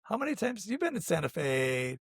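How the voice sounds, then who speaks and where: A hoarse man co-hosting a travel vlog, chatting casually and leading the conversation. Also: sits high, huge pitch swings, brisk, no room sound, clean studio sound. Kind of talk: casual chat.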